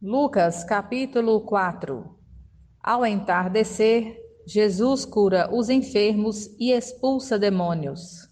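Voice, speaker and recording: Slow woman announcing chapters. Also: medium pitch, a little mellow. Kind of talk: scripted announcements. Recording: long reverb.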